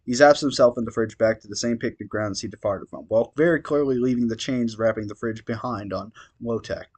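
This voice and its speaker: Reading fan fiction out loud, a man with a lowish, slightly mellow voice moves along fairly quickly and steadily. He occasionally stumbles over a word and tosses in a few wry comments.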